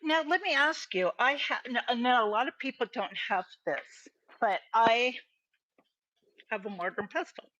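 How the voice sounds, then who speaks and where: A woman's voice: on the high side, fairly bright tone. Encouraging woman host, dull audio. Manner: encouraging, quick back-channel replies. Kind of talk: casual cooking chat.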